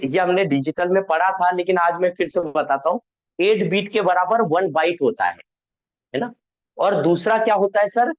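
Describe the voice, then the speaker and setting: A high-pitched man teaches a networking class over a video call. He keeps asking his students questions, answers each one himself and stops to fix his own slips. The sound is dull and lo-fi. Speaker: networking instructor. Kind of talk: online class lecture.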